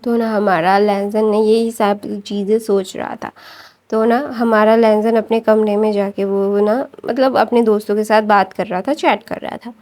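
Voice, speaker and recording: A woman's voice: mid-range voice, fairly even intonation, a little mellow. A woman casually narrating a story, rambling with fillers and frequent self-corrections.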